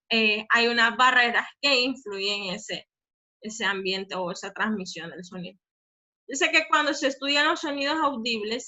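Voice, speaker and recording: A woman teacher with a bright, forceful, fairly high voice explains a physics lesson, frequently asking "¿verdad?" to check the class understands. She mentions that she talks fast.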